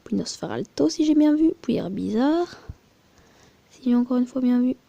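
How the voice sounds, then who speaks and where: A woman talks through a phone game in a loose, rambling way, crude and chatty, now and then dropping into muttered asides. Her voice is very dark and mellow. The sound is close and dry. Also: on the high side, animated, moderate pace, gravelly, no room sound, lo-fi sound. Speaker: mobile game vlogger. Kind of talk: casual screen-recording commentary.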